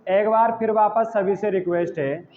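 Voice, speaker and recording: A man's voice: high voice, normal speed, crowd noise. A man teaching English tenses in a coaching class, scolding and teasing students directly. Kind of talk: classroom English grammar lesson. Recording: tinny phone-like classroom recording with faint noise.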